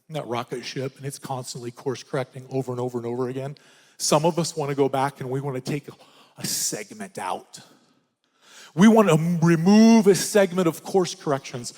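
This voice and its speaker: An older man preaching at a conference, swinging from loud urgent passages to hushed, almost whispered ones. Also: medium pitch. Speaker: pastor. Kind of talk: conference sermon. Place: large hall at a conference. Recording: reverberant hall.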